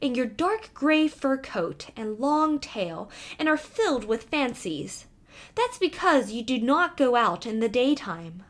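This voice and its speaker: Woman as a sly, slow-talking storybook cat. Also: fairly high pitch, very animated. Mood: dismissive. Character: sly greedy female cat, smug and cool.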